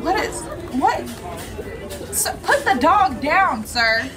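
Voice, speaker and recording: An American woman in her thirties giving casual, blunt, expressive reaction commentary as a host. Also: high-pitched, slow pace, music in the background, crowd noise. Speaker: host reacting to meme clips.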